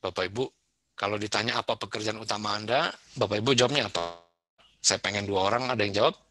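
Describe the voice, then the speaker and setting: A man's voice: lowish voice, fast, sharp tone. A man giving a seminar talk to parents at a school, chatting casually and putting questions to the audience. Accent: Indonesian. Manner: conversational, asks the audience questions. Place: school event room.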